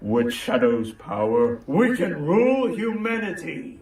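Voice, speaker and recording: A man playing a bitter, theatrical old mad scientist in a fan skit, pompous and drawn-out. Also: fairly high pitch, sing-song, full character voice. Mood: scheming. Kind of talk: amateur comedic fan skit. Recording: echoey room, distant mic, music behind.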